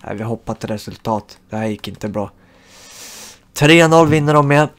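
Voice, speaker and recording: Excitable man commentating his own football game. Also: medium pitch. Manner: excitable, shouts at goals, groans at misses. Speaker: gaming channel host. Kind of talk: live gameplay commentary.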